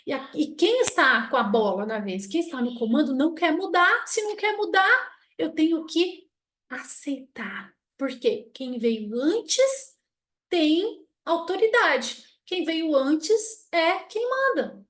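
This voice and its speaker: Brief: middle-aged woman, high voice, animated storyteller, blunt and frank. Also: takes it slowly. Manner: animated storytelling, acting out quoted people; blunt, self-mocking. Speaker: family constellation teacher. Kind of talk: casual spoken lesson.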